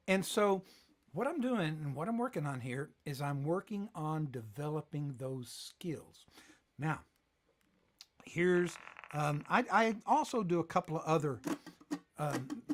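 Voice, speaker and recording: A man teaching a ukulele lesson on a live stream, talking in a relaxed way while he plays and calls out tempos. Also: a little high, measured pace, pauses often, music in the background. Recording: loud ukulele playing under the voice.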